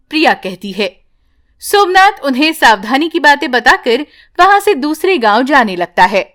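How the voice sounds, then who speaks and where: A woman narrating a bedtime cartoon story in a slow, even storybook manner. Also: sits high.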